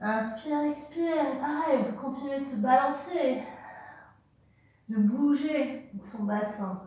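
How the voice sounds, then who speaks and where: A woman teaching a yoga and movement class, giving slow, calm cues to breathe in and out. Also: sits high. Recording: very echoey room, far from the mic.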